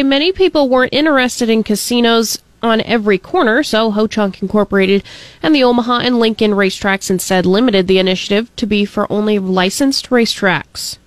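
A woman reads the news bulletin for a radio network. Her voice sits a little high, and her delivery stays steady and clear. The sound is dry and close to the mic. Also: no room sound.

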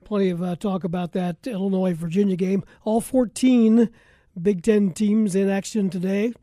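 A man's voice: sits high, fairly even intonation, moderate pace, mellow, dry recording, studio quality. A man hosting a sports radio show in an easygoing, conversational way, with a processed broadcast sound to his voice.

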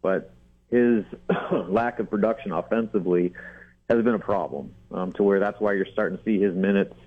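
A man talking casually as a guest sports reporter, relaxed, with frequent fillers and restarts. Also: lowish voice, normal speed. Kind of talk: casual radio chat. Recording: phone-line call-in audio.

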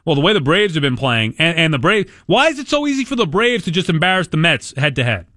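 High-voiced, forceful male sports radio host. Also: big pitch swings, quick pace, no echo, studio quality. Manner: emphatic, repeating points, rhetorical questions. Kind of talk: opinionated sports talk radio commentary.

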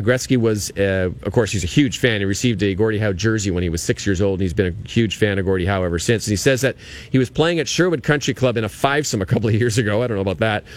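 A man with a lowish voice talks at a fast clip as a golf show co-host. His delivery is casual and anecdotal, like sports radio chat.

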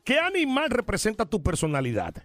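A man's voice: high-pitched, huge pitch swings, a bit bright, faint music behind. A man co-hosting a radio call-in show, joking and bantering with his partner and callers in a studio. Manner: playful, teasing, quick back-and-forth. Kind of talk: lively on-air banter. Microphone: studio microphone.

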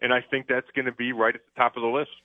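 A man's voice: mid-range voice, little pitch movement, fast talker, dry recording. A man discussing football on sports radio, talking conversationally with plenty of fillers and restarts. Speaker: football analyst. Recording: dry phone-line audio.

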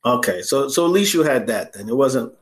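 A man's voice: medium pitch, lively intonation, a little fast. A man hosting a casual interview show, joking, rhyming and repeating phrases for emphasis. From Harlem, New York. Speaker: podcast host.

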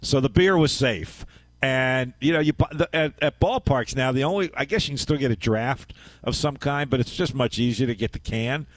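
A male sports radio host spins a casual story in a loose, rambling way, often laughing at himself. He speaks at a middle pitch into a studio microphone, with a close, dry sound. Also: normal speed, no echo.

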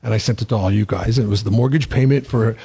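Brief: male co-host, gravelly husky voice, casual thinking-aloud delivery. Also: lowish voice, fast talker, mellow. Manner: conversational, hesitant restarts. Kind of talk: casual podcast discussion.

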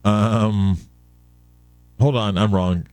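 A man's voice: fairly low pitch, steady tone, drawn-out words, darkish tone, clear, resonant tone, no room sound. A man co-hosting a sports talk show, chatting casually and dropping trivia. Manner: offhand, chatty, drops trivia. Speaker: sports radio co-host.

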